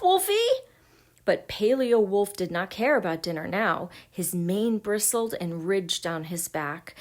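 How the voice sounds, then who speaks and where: A woman reading a children's picture book aloud, gentle and expressive, sometimes dropping to a hush. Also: lowish voice. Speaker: storybook reader.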